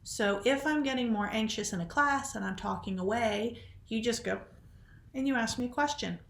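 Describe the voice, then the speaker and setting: A woman's voice: a little high, moderate pace, vocal fry, a bit bright, echoey room. A woman biology instructor talking casually in a recorded lecture, rambling and self-deprecating, a little short of breath.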